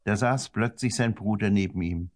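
A man narrating a children's story in a gentle, expressive way. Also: normal speed. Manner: gentle and expressive, varies the pitch to suit the story. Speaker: audiobook narrator.

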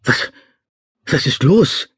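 A man's voice: mid-range voice, sing-song, normal speed, husky, no echo, clean studio sound, voice pushed up. A man voicing a young man in an audiobook, asking urgent, anxious questions. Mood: alarmed. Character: young man, the narrating hero, alarmed.

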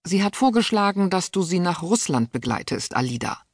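A woman's voice: fairly low pitch, very animated, brisk, slightly rough, no echo, studio quality, pitched above the performer's own voice, exaggerated voice. A woman voicing a stern, disdainful aristocratic aunt who speaks sharply and impatiently. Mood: cold, scornful.

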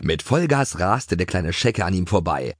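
A man narrating a children's audiobook in a playful, expressive way. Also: sits low, normal speed, no room sound, studio quality.

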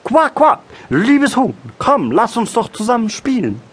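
Storybook frog: small, lonely, eager, voiced by a man — high, squeaky, lively. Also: measured pace, slightly rough, full character voice. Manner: high squeaky excited calling. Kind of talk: children's audiobook reading.

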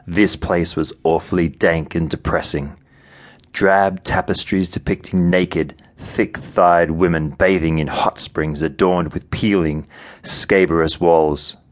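A man narrating a novel in an audiobook, with measured, vivid storytelling. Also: low voice. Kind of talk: scripted narration.

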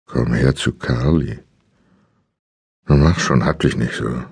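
A man voicing an unseen male captor who speaks deep and pressed, as if his chin were on his chest, in a slow coaxing singsong for an audiobook thriller. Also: gravelly, darkish tone, husky, no echo, full character voice.

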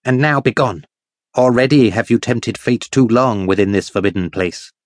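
A man doing a shrill, greedy old miser. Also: normal speed, no echo, studio quality, natural voice. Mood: urgent. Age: older. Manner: shrill, wheedling and querulous. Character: greedy, fearful little old male miser. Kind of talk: audiobook character voice.

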